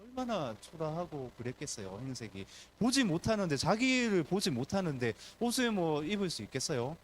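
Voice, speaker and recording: Male pastor, sermon, slightly high voice, animated delivery. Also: normal speed, slight background noise. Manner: animated preaching, acts out crowd and beggar voices. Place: church service.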